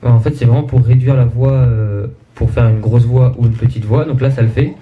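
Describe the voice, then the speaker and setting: Male home YouTuber showing off gear, halting delivery full of fillers, muffled recording with faint noise. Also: medium pitch. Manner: hesitant, many filler sounds. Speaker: YouTuber demonstrating a mixing desk. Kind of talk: casual product demonstration. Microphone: desk microphone plugged into the mixer.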